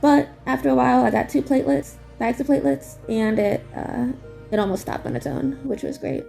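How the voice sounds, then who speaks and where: A woman speaks in a casual diary style, her voice high and full of creak. She talks carefully, as if every word hurts her sore mouth. Faint music plays behind her. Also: a little fast, warm tone, rough recording. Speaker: patient vlogger.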